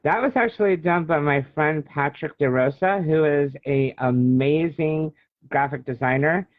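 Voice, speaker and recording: An American author in his early forties from Illinois chats casually as an interview guest. His voice is fairly high and unhurried, and the dry recording has a thin, phone-like video call sound.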